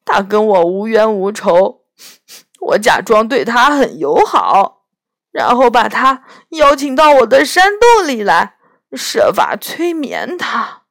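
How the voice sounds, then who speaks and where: A weeping male faun pours out his guilt in a choked, sobbing voice, as a woman reading a storybook puts him on. The voice has an unusual, strained timbre and rises and falls a lot. The lines come slowly and heavily. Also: on the high side, fairly bright tone, voice pushed up, heavily acted.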